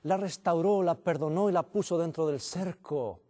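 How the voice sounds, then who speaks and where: Earnest preacher with a mellow voice. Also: male voice, on the high side, moderate pace. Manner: earnest, addresses "hermanos". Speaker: pastor. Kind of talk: sermon. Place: church.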